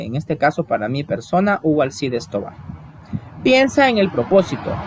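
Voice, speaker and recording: A man's voice: fairly high pitch, a little hiss or hum. A man, teaching a recorded online lesson and explaining each step while asking the class questions.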